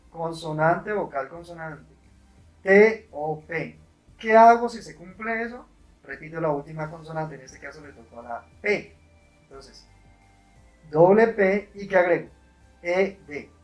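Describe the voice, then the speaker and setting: A man giving a patient grammar lesson, often checking with short questions. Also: on the high side. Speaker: English teacher.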